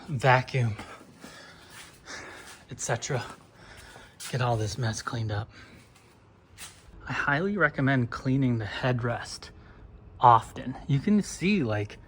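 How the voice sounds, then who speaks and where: A man's voice: mid-range voice, slight background noise. Casual man chatting outdoors while washing a car. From northeastern United States. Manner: relaxed, rambling, filler-heavy. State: slightly out of breath. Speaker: vlogger.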